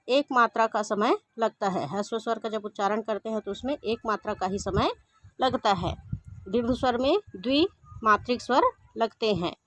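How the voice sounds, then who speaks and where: A woman teaching a Hindi grammar lesson, explaining each point slowly and restating it in simpler words. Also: fairly high pitch, dry recording. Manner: slow, methodical, repeats each point. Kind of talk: explaining grammar over slides.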